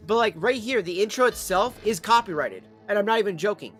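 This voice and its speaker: A man's voice: high voice, lively intonation, fairly quick, a bit bright, soft background music. A man chatting casually on a livestream in a rambling, repetitive way, with some swearing. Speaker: live streamer.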